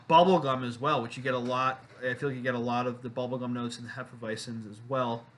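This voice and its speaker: A man's voice: medium pitch, steady tone, fast, fairly bright tone. A man hosting his own beer review channel, chatting casually to the camera with fillers and self-deprecating asides.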